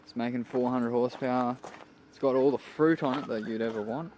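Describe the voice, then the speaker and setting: A man's voice: mid-range voice, fairly even intonation, fairly quick, darkish tone, a little hiss or hum, poor audio. A man chatting casually as a vlog host, laid-back, slangy and sweary. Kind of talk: casual car vlog chat.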